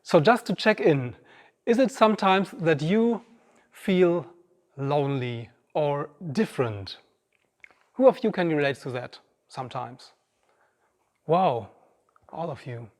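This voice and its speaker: A man's voice: fairly high pitch, animated, takes it slowly, pauses often. A man giving a reflective, personal inspirational talk on stage, speaking directly to the audience. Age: 50s. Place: large auditorium stage. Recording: long reverb of a large hall.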